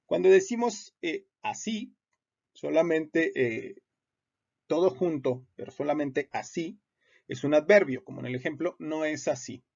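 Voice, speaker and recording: A man's voice: a little high, animated, unhurried, creaky, a little mellow, breathy edge. A man gives an explanatory lecture on legal writing, patient and repetitive, with frequent hesitations. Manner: patient, repeats points with many hesitations. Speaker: teacher. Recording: muffled lo-fi audio.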